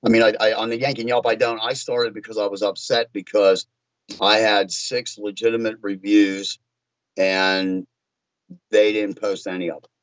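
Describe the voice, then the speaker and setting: A man from Virginia, a tint shop owner being interviewed on a podcast, talking in halting, restarting bursts as he tells stories. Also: lowish voice, flat delivery, no room sound, dull audio. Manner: halting, restarts often, storytelling.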